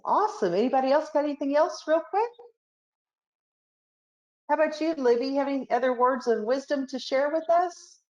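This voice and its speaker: A woman's voice: high-pitched, a little fast, pauses often, darkish tone, lo-fi sound. A woman hosting an interview casually, supportive, reading out audience comments, heard over a video call. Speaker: host.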